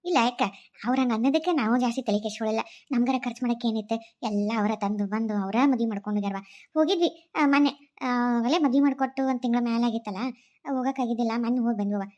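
A woman's voice: on the high side, rapid-fire, darkish tone, pitched below the performer's own voice, lightly acted. A woman voicing an older village mother with a North Karnataka Kannada accent, for a cartoon story. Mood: content. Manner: homely rural chatter, wailing laments. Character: older village mother, gentle, later grief-stricken.

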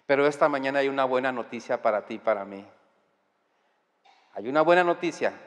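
A man with a Mexican accent preaching a sermon, talking conversationally to his congregation and rising to loud emphatic peaks. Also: medium pitch, fairly quick. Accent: Mexican Spanish. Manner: conversational, addressing the congregation directly. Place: church hall. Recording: long hall reverb.

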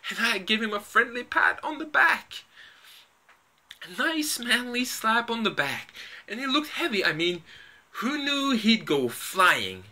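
A man's voice: very high-pitched, sing-song, measured pace, pushed and bright, exaggerated voice. A young man from Norway with a Norwegian accent performs a stage monologue as a panicky young man, stammering and repeating words as he confesses in a rush. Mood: frantic. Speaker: acting student. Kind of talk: theatre monologue audition.

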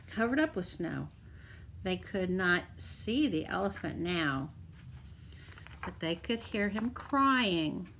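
Slow, lively woman reading a picture book. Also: medium pitch, creaky, a little hiss or hum. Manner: expressive, drawn-out emphasis, asides to kids. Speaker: teacher reading aloud. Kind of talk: children's read-aloud.

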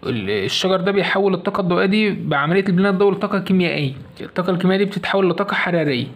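Egyptian guy teaching science really fast, quizzes himself, repeats stuff. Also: sits high. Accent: Egyptian Arabic. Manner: asks questions and answers them himself, repeats key points. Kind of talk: fast classroom lesson explanation.

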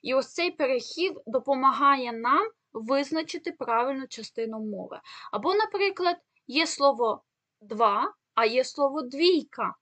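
A woman teacher from Ukraine explaining grammar in an exam-prep lesson, asking rhetorical questions and pausing on fillers. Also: high-pitched, expressive, a bit bright, no echo.

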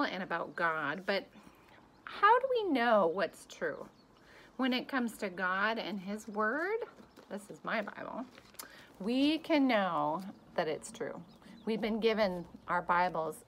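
A children's church teacher, a woman in her thirties with a fairly high voice, leads a kids' Bible lesson to the camera from a small wood-paneled room, filmed at arm's length. She gasps and exclaims with exaggerated excitement for the children.

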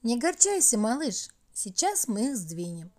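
A woman voicing Night, a gentle, motherly figure who soothes and sighs in a storybook tale. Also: on the high side, big pitch swings, normal speed. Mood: soothing. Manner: soothing, sighing.

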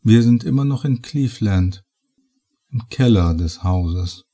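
A man reading a horror audiobook, voicing a calm, unmoved young man who means to kill. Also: fairly low pitch, slow, breathy edge, full character voice. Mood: cold calm. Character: calm, cold young man turned killer.

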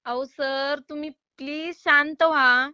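A woman's voice: sits high, steady tone, slow, bright, forceful tone, no echo, highs cut off. A woman calling to collect a loan payment, polite but insistent and exasperated. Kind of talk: phone call.

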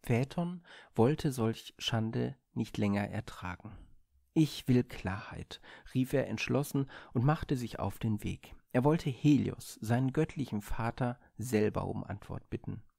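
A man reading a Greek myth aloud in a measured, expressive storybook manner on a studio microphone. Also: mid-range voice, gravelly, no room sound.

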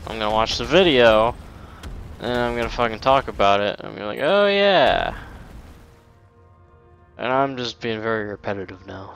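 A let's play gamer gives casual, rambling commentary over a video game, swearing often and poking fun at himself. His voice is lowish, with a fairly bright tone.

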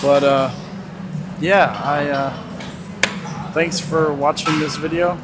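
Speaking slowly in a fairly high, fairly even voice, a man in his twenties vlogs from a large gym in a laid-back, rambling walk-and-talk, laughing often. The background is noisy with loud gym music, and a nearby tripod-mounted phone camera does the recording.

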